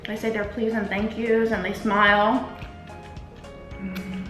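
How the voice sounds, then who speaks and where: A woman's voice: medium pitch, little pitch movement, takes it slowly, a bit bright. A woman mukbang host chatting casually while she eats crunchy fried chicken. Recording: roomy echo, clear background music.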